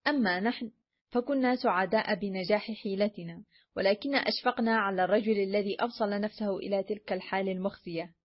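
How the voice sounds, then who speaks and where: A woman narrates a storybook in a measured, even voice. Her pitch sits in the middle. The sound is dull and lo-fi. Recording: dull lo-fi recording.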